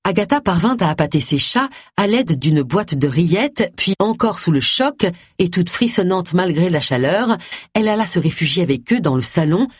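An audiobook reader giving expressive scripted narration close to the mic. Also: mid-range voice, breathy edge, no echo. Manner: expressive storytelling.

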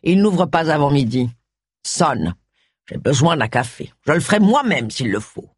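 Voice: medium pitch, sing-song, normal speed, breathy edge, dry recording, clean studio sound. A narrator voicing a suave, aloof aristocratic man who drawls and sounds plaintive, in an audiobook. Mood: casual. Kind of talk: audiobook character reading.

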